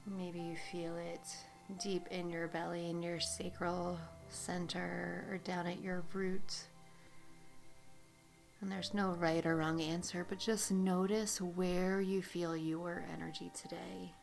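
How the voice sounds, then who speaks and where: Meditation guide: woman, low fry-edged voice, unhurried and soothing, faint music under her. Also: level tone. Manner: slow, soothing, drawn-out phrasing with soft whispered stretches.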